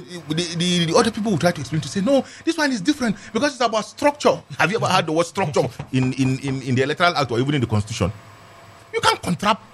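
Animated, fast-talking man with a Nigerian accent. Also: a little high, slight background noise. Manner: emphatic, argumentative, repeats phrases for stress. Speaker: legal commentator, guest. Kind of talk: animated political and legal discussion.

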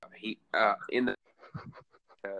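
A man's voice: measured pace, dry recording, lo-fi sound. A man recapping a wrestling event in casual podcast chat, rambling and full of fillers. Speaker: co-host recapping a wrestling show.

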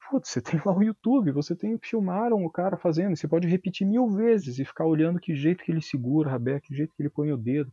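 A Brazilian-accented man talks in a casual interview, explaining with lively energy and loose slang. His voice is dark and a little husky. The recording is dry and somewhat dull, with a lo-fi edge. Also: a little high, no room sound. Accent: Brazilian Portuguese. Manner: animated explaining with casual slang and frequent tag questions. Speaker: violin teacher.

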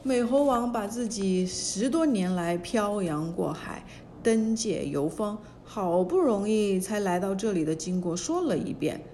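Slow, sing-song woman storyteller. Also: medium pitch, animated, warm tone, a little hiss or hum. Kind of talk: children's story narration.

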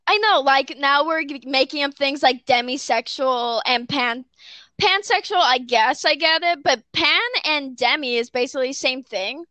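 A woman with a high, bright, sharp voice chats over an online voice call. She gives quick, opinionated takes, and her sound is close and dry with no room. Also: no echo. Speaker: friend in group call. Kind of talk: casual chat.

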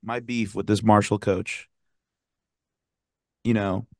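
A young man in college co-hosting a sports podcast, telling animated fan stories in casual chat. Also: on the low side, slow, no echo, studio quality. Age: young adult. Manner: animated storytelling, rowdy student fan. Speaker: podcast co-host.

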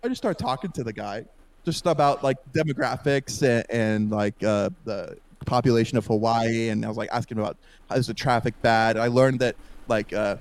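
A man's voice: medium pitch, moderate pace, slight background noise. Rambling young man telling a story. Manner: rambling, laughs often, many fillers. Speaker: podcast guest. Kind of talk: casual storytelling.

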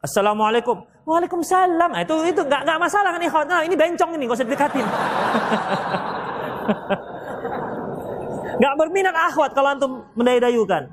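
A man from Indonesia teaching an Islamic study session and answering audience questions, lively and playful as he acts out short exchanges. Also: very high-pitched, slight background noise. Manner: lively, mimics people in quick asides, laughs along. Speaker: ustadz giving a religious study session.

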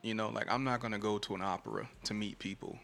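Low, gravelly man. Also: steady tone, fast talker. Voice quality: soft-spoken. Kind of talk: casual reflective conversation.

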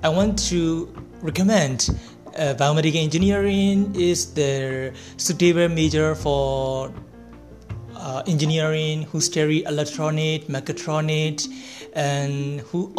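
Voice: mid-range voice, steady tone, a little mellow. Hesitant young Burmese-accented podcast guest, music behind. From Myanmar. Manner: hesitant, halting, repeats phrases. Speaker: interview guest, biomedical engineering researcher. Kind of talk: podcast interview answers in non-native English.

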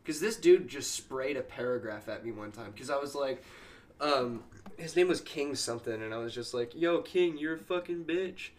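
Man, podcast co-host, casual crude banter, mid-pitched voice. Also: normal speed. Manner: loose, crude, joking banter. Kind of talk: casual chat.

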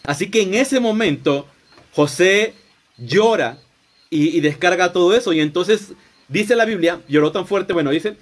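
A man's voice: high voice, expressive, measured pace. A man retelling a Bible story in a loose, conversational sermon, often restarting and rephrasing as he goes. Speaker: preacher. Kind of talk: informal Bible teaching.

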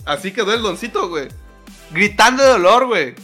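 A man's voice: high voice, animated, brisk, sharp tone. A Mexican man co-hosting a podcast, retelling a grim news story in slangy, laughing casual chat, with faint music underneath. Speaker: podcast co-host.

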